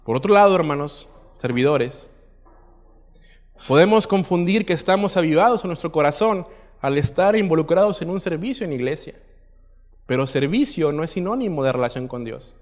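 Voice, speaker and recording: A man's voice: a little high, expressive, moderate pace. A man preaching a sermon, reading scripture aloud with swelling emphasis and putting questions to the congregation. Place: church hall. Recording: reverberant church hall.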